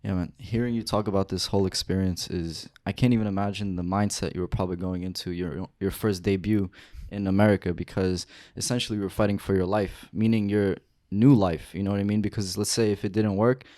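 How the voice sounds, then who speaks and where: A man's voice: deep voice, fairly even intonation, brisk, dark tone, no echo, studio quality. A man co-hosting an interview podcast, reflecting at length before asking his question. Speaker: podcast co-host.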